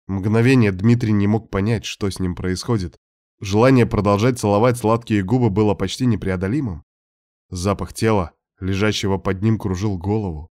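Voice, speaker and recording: A man narrating an audiobook in a steady, measured reading. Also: lowish voice, no room sound, studio quality. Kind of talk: scripted narration.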